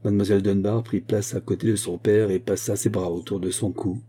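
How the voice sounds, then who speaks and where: A man narrating a classic novel in a steady, measured audiobook reading. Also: fairly low pitch, breathy edge.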